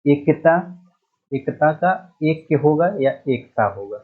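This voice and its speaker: A man teaching an exam-prep grammar lesson, explaining each point deliberately and repeating the correct word. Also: on the high side, slightly rough, narrow, tinny audio. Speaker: Hindi teacher.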